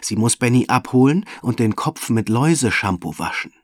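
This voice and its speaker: A man voicing a strict female kindergarten head with a firm, measured delivery. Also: mid-range voice, lively intonation, dry recording, voice pushed up, natural voice.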